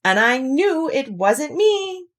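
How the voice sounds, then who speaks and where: A woman's voice: high voice, sing-song, slow, a bit bright, voice pushed up, heavily acted. A woman voicing a practical, stern male storybook rabbit with a fussy, matter-of-fact manner.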